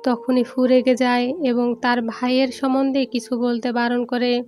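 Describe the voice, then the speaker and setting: A woman narrating a film recap in a steady, even storytelling read, with soft music underneath. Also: a little high, normal speed. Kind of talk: scripted movie recap narration.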